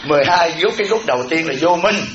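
A Buddhist monk gives a humorous dharma talk in a slightly high, expressive voice, talking fast and sounding folksy and teasing as he repeats words for comic effect. The recording is echoey and dull, made in a room with an audience whose laughter is heard, along with heavy background noise.

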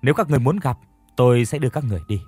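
A man voicing a stern older village woman who speaks bluntly and briskly. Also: medium pitch, lively intonation, mellow, breathy edge, no echo, faint music behind.

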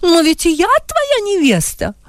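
A woman's voice: very high voice, wildly swooping pitch, measured pace, dry recording, clean studio sound, pitched above the performer's own voice, full character voice. A woman voicing a grasping older woman who questions sharply and makes demands. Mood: demanding. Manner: demanding, inquisitorial.

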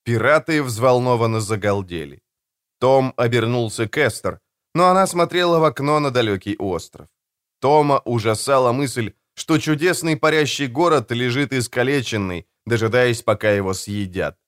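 A man narrating an audiobook with expressive storytelling. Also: medium pitch, moderate pace, clean tone, no room sound, clean studio sound. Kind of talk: scripted narration.

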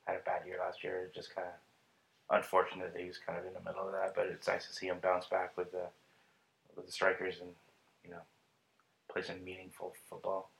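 A man co-hosting a casual soccer podcast, talking over recent games in a relaxed way with fillers. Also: deep voice, a little fast, creaky, poor audio. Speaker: podcast co-host. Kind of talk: casual sports chat.

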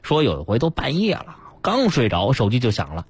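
Male radio host, husky, lively pitch, casual storytelling chat. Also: a little fast, no echo. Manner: chatty, retells news stories with lots of fillers. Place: radio studio.

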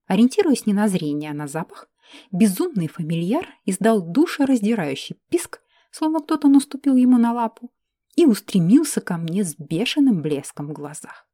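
A woman reads a first-person fantasy audiobook in a warm, mellow voice. Her pitch moves a lot as she tells the story. The recording is dry and close. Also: moderate pace, dry recording. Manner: lively, expressive storytelling. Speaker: audiobook narrator.

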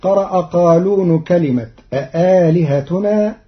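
A man from Egypt with a fairly high voice explains Quran readings in a formal, measured radio lesson. He slows into a chant for each quoted verse. The sound is dull and lo-fi, like an old archival radio broadcast. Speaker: Quran reading scholar introducing recitation. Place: radio studio.

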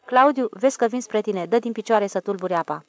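A woman's voice: mid-range voice, a little mellow, no room sound, natural voice. A woman voicing a bossy, bold village boy who keeps urging his friends on. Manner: urging, commanding.

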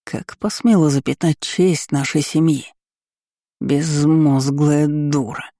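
A woman's voice: deep voice, steady tone, mellow, no echo, clean studio sound. A woman doing a scornful drunken baron. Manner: slow, scornful, clipped. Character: pompous drunken middle-aged baron, cold and scornful.

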